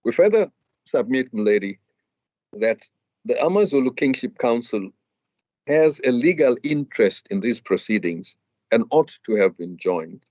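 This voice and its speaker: A man arguing a legal point before a judge, formal and measured, with some hesitant fillers and restarts. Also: medium pitch, very animated, darkish tone, dry recording. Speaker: advocate arguing in court. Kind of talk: legal argument. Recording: dull lo-fi dry hearing audio.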